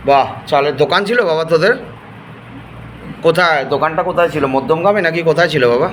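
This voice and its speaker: Gently coaxing man, soft questioning. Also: a little high, fast talker, slight background noise. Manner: soft, coaxing, repeats endearments. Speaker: assistant at an exorcism ritual. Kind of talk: coaxing questioning of a possessed person.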